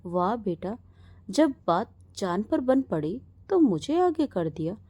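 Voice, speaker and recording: A woman voicing a sharp-tongued older mother in a storybook tale, scolding and indignant. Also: on the high side, expressive, slow pace, slightly rough, full character voice. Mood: furious.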